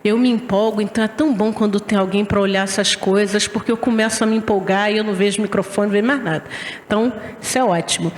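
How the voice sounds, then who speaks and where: A woman from Brazil giving a spiritist religious lecture in a lecture hall, animated and chatty as she tells stories. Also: medium pitch, quick pace, slight background noise.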